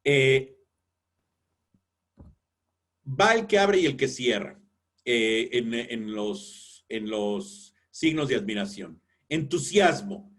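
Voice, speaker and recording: A man lecturing in a webinar on editorial writing, explaining clearly and acting out example sentences. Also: mid-range voice, expressive, slow pace, long pauses, fairly bright tone.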